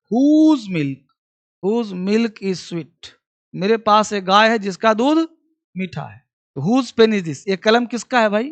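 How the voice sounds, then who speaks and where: A man's voice: high-pitched, fairly bright tone. Repetitive, drilling male grammar teacher. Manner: repeats key points like dictation; addresses students familiarly as son and kid. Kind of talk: exam-prep lesson.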